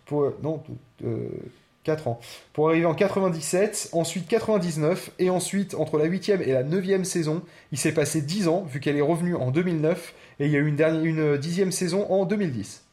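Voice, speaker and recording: A man co-hosting a podcast in relaxed casual chat, hesitating with many fillers. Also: a little high, fairly quick. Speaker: podcast co-host.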